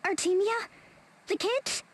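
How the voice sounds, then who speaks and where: Bossy, high-voiced young game heroine. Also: female voice, a little slow, slight background noise. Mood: worried. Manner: plain-spoken, commanding. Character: bossy, caring, strong-willed young heroine. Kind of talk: video game voice acting.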